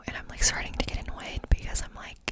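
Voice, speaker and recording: A woman ASMR host telling a personal story in a confiding, candid, cupped-hand whisper, close up. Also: fast.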